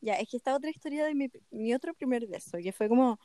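A young woman with a Chilean accent, recounting a story in animated, slang-filled casual chat. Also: fairly high pitch, fast talker, no room sound, studio quality.

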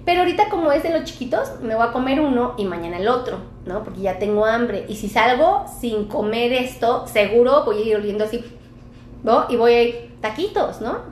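A middle-aged Mexican woman doctor talks casually on a live stream in a playful, chatty way. Her voice sits high and bright. The room is echoey, with a faint hum of background noise. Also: lively intonation, fairly quick. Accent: Mexican Spanish. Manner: chatty, playful, laughs often. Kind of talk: casual live-stream chat reading viewer comments.

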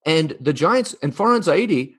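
Man with a bit of a husky voice telling a story on a panel, gets animated. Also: on the high side, normal speed. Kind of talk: storytelling in discussion.

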